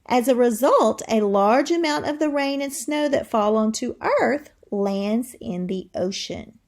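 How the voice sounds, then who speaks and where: A teacher reads a science book aloud slowly, her voice creaky, a little high, expressive and somewhat mellow. She adds explanatory asides and instructs the listener by asking them questions.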